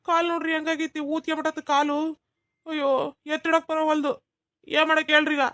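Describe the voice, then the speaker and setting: A woman's voice: sits high, little pitch movement, fast talker, a bit bright, no echo, clean studio sound. A woman voicing a whiny, self-pitying village husband in a cartoon, with a North Karnataka Kannada accent. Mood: aggrieved. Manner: whining, self-pitying complaints. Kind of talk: cartoon voice acting.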